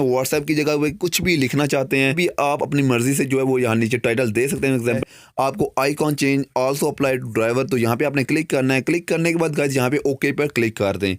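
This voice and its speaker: A man's voice: mid-range voice, dry recording. A young man with a Pakistani Urdu accent hosting a tech tutorial, talking through phone steps and saying "guys" again and again. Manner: repeats "guys" constantly, loose and chatty. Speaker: tech channel host. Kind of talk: screen-recorded tutorial narration.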